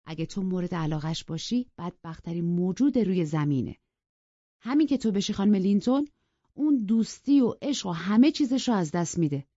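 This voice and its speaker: A woman voicing a sensible older housekeeper who gives firm, measured counsel. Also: mid-range voice, lively intonation, mellow, no echo, voice pushed up, close to an everyday voice. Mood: cautioning. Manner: measured, cautioning. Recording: dry, dull lo-fi recording.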